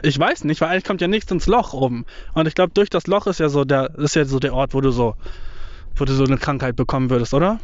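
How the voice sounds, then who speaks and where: A man's voice: medium pitch, quick pace, no room sound. A young man vlogging casually outdoors in a windy field, rambling in slang with lots of swearing and English words, recorded on a mobile setup. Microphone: mobile phone setup. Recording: dull, lo-fi phone audio.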